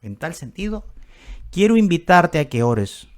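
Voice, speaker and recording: A man's voice: sing-song, a little slow. A man preaching a Bible-study sermon as pastor, speaking emphatically and addressing listeners directly as beloved brothers. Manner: emphatic preaching, rising on scripture commands and dropping low on asides.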